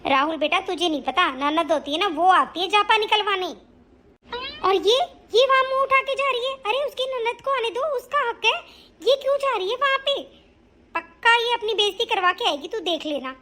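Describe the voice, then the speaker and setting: A woman voicing a strict traditional mother-in-law in an animated family cartoon, lecturing and scolding. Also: very high-pitched, moderate pace, exaggerated voice. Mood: complaining.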